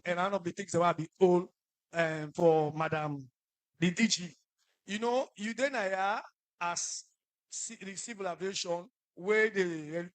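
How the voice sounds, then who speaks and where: A middle-aged man with a Sierra Leonean Krio accent, an opposition lawmaker making loud, emphatic remarks at a press conference. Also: high voice, low-quality recording. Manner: loud, emphatic, stumbling speech. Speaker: opposition member of parliament.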